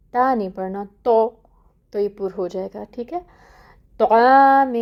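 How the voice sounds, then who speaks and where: A woman teaching Quran pronunciation in an online lesson. She explains quickly, then recites each example word slowly and more loudly, and often checks in with "theek hai". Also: medium pitch.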